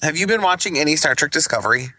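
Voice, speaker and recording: A man's voice: fairly high pitch, animated, very fast, sharp tone, no echo, rough recording. A tired man co-hosting a podcast, chatting casually and gushing with repeats from inside a car. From Minnesota. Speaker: podcast co-host. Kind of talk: casual chat.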